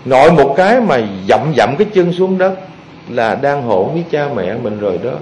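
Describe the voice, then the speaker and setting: A man, a Buddhist monk, preaching to his followers in a lively storytelling manner and often asking the audience questions. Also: medium pitch, moderate pace, slight background noise. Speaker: Buddhist monk giving a dharma talk. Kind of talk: sermon to lay followers. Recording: echoey hall.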